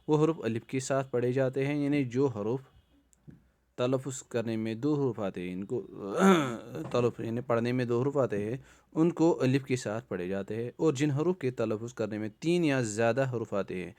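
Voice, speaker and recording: A man teaching a recorded lesson on the alphabet and its sounds, explaining each point twice and sounding letters out slowly. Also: medium pitch, darkish tone. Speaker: Quran teacher.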